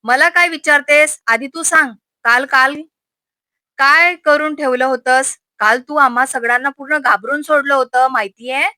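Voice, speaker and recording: A bossy young husband with a commanding manner, put on by a woman reading a story, in a bright, sharp voice. The calls come out raised and firm. The sound is dry and close. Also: high voice, a little slow, no echo. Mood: stern.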